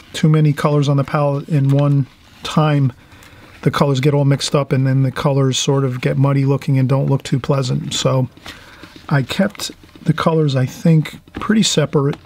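Seated indoors at a painting table, a man who hosts a channel gives an informal watercolor tutorial as the painting instructor, rambling a bit and often rephrasing himself. He has a medium-pitched, darkish voice, with slight background noise.

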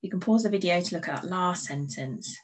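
Breathy English woman teaching phonics. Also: lowish voice, rough recording. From England. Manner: slow, clear sounding-out of letters and words; encouraging, patient instructions to children. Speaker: primary school teacher. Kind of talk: recorded phonics lesson for young children.

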